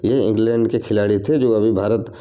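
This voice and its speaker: Man teaching exam reasoning, dark voice. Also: on the low side, steady tone, brisk. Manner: explains step by step, repeats each question and its options. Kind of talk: reasoning lesson for competitive exams.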